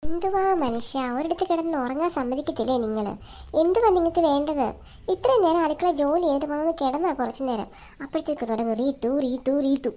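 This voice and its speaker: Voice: high voice, fairly quick, natural voice. A child voicing an irritable middle-aged mother who nags and scolds her family in a comedy skit. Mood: irritated. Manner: sharp, nagging, complaining tirades. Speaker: comedy sketch actor.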